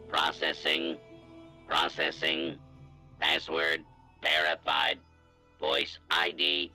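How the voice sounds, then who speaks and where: A deep gravelly computer lock. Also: male voice, pushed and bright, full character voice. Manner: clipped, toneless system announcements. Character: male voice-lock computer, cold and flat. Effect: synthetic computer processing voice. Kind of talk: video game machine voice.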